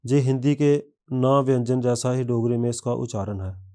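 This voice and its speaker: A man narrating a scripted language lesson, reading word lists one by one in a measured way. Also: medium pitch, little pitch movement, warm tone. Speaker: language teacher.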